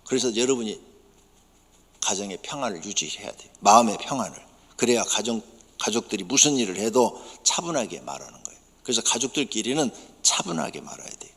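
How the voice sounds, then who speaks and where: Korean pastor preaching in a reverberant sanctuary. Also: male voice. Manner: emphatic preaching, swings from soft low asides to sudden loud bursts. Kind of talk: sermon. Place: church sanctuary. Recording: church sanctuary with long reverb.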